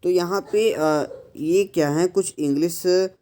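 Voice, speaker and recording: A man explains an English lesson step by step, pausing often and mixing English phrases into his speech. His voice sits a little high but sounds mellow and relaxed. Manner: mixes English phrases into Hindi, slows to model sentence stress; frequent pauses with "uh" and "thik hai". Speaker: English teacher.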